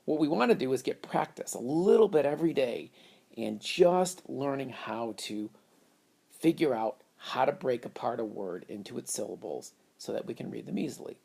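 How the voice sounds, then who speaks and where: A man with a mid-range, gravelly, husky voice and dark tone teaches a reading lesson at a whiteboard, animated and at a moderate pace. He patiently explains, step by step, how words break into syllables.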